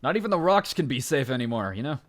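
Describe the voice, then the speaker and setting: A man casually commenting on his gameplay in a rambling way, full of fillers and self-interruptions, jumping up in pitch when excited. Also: fast talker. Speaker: let's play gamer.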